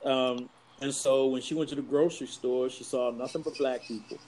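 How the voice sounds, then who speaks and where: A man in his fifties with a mid-range voice shares memories in an unhurried, reflective way. He comes from the US East Coast and speaks as a guest in a relaxed conversation, pausing to think as he goes. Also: medium pitch, a little hiss or hum, low-quality recording. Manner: reflective, measured storyteller. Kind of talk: casual conversation, personal storytelling.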